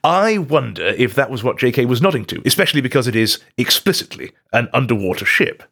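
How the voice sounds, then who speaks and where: A man's voice: mid-range voice, fairly quick, breathy edge. A young man chatting enthusiastically as a podcast co-host and tour guide. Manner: enthusiastic, animated storyteller. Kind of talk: casual group chat.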